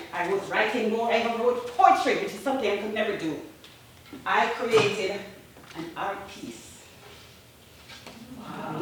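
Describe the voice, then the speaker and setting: A woman telling a personal story on stage in a deliberate, emphatic way with dramatic pauses. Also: medium pitch. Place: auditorium stage. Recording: roomy, noisy auditorium, distant sound.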